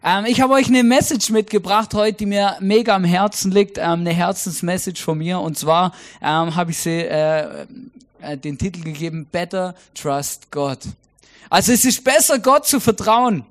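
Young male preacher, high voice, casual chatty sermon full of fillers. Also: normal speed. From Germany.

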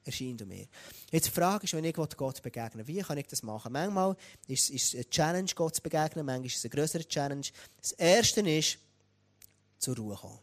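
A man with a Swiss German accent preaching a sermon, talking straight to the congregation in a lively way. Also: fairly high pitch, fairly quick. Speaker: pastor.

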